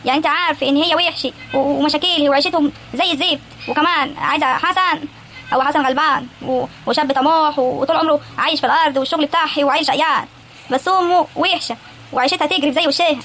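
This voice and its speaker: A woman's voice: sits high, fast, fairly bright tone, slight background noise. A woman with an Egyptian accent voicing a bossy, caring young wife and older sister in a cartoon comedy, prying and giving advice. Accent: Egyptian Arabic. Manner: teasing, prying, advising. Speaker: voice actor in animated comedy. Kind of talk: animated cartoon acting.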